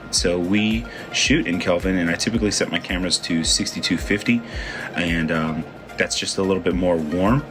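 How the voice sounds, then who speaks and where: Congested from allergies, this low-voiced man gives a casual screen-recorded tutorial on photo editing. He works through the edit step by step, chatting informally and thinking aloud as he goes.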